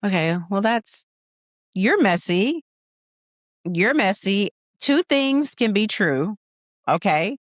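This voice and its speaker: A young woman co-hosting a podcast as a nurse, telling stories in a playful, animated way and acting out scenes. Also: fairly high pitch, dry recording, studio quality. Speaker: podcast co-host, nurse practitioner. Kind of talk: casual storytelling chat.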